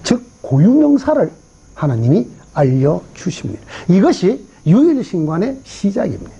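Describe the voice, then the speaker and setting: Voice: mid-range voice, sing-song, moderate pace, warm tone, muffled recording, slight background noise. A pastor preaching a sermon at a church revival meeting, telling a story and asking the congregation rhetorical questions.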